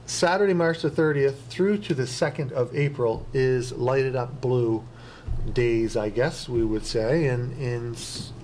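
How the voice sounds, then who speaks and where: A man gives his report to a town council in a casual, plainspoken manner, with the odd filler. His voice sits at a middle pitch. A faint hiss lies under the recording. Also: unhurried, darkish tone, rough recording. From Canada. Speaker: town administrative officer at a council meeting. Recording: faint noise, council chamber.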